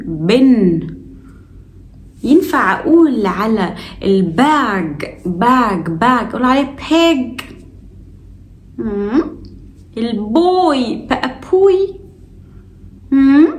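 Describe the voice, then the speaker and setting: A woman with an Egyptian Arabic accent teaching a phonics lesson, who repeats the letter sounds slowly and playfully. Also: a little high, darkish tone, reverberant. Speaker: English teacher.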